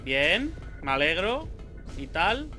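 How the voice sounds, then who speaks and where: This young man from Spain records let's play commentary on a horror game for his YouTube channel, cursing and yelping whenever something makes him jump. His high-leaning voice is pushed and bright, slow, and swings widely in pitch, with soft background music underneath.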